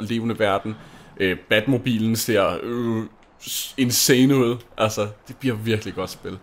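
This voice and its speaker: Young man, gaming commentary, rambling, gushing, lots of fillers, mid pitch. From Denmark. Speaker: gaming channel host. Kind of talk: casual gameplay commentary.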